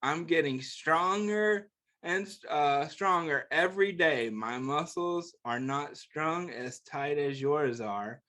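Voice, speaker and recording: His voice is high-leaning, bright and forceful as he hosts story time for children. He reads a picture book aloud, slipping in simple, encouraging asides and questions in instructive language young kids can follow.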